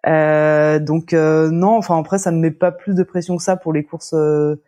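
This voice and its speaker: A woman from the French Atlantic coast, a sailor in an interview, speaking hesitantly and often pausing to search for words. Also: sits low, steady tone, dark tone. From La Baule, France. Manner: hesitant, many fillers and restarts. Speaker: sailor guest. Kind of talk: casual interview chat.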